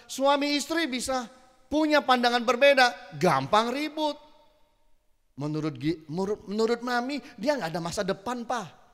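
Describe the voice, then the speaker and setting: Middle-aged male pastor, animated conversational sermon, high voice, long church hall reverb. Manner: animated, conversational, acts out quotes.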